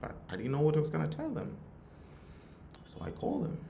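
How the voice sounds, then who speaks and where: Fairly high-pitched and fairly quick, this man's creaky, warm voice swoops wildly in pitch, with a Tanzanian accent. He is a youth nonprofit leader giving an earnest motivational talk with a personal story at a forum, repeating phrases for emphasis. Audible background noise sits under a roomy echo.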